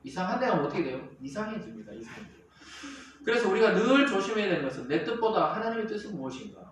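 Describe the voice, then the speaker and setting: A male pastor preaching a Sunday sermon with lively call-and-response, reading scripture aloud to the congregation and explaining it. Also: high-pitched, quick pace, a little hiss or hum. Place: church sanctuary. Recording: roomy church hall, mic at a distance.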